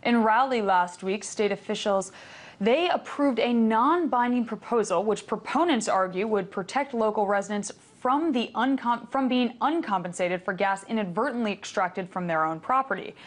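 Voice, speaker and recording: A woman's voice: mid-range voice, normal speed. A woman news anchor introducing a story and interviewing a guest, reading the script with small slips and self-corrections.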